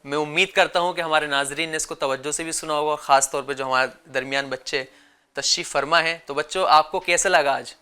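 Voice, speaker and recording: A man teaching children Quran recitation, chanting verses slowly and patiently asking them to repeat. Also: fairly high pitch, steady tone, bright, forceful tone, clean tone. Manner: patient, drawn-out recitation with call-and-repeat questions.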